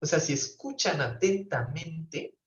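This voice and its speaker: Teaching brief therapy over a video call, a professor speaks at a measured pace in a slightly high, slightly bright voice. He explains step by step and checks in frequently with his students. His computer mic yields roomy, distant, dull audio.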